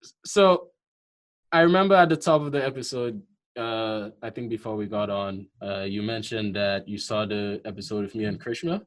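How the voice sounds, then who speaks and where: A host leading a casual interview, relaxed and full of fillers, inviting viewers to comment. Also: mid-range voice, moderate pace. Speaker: podcast host.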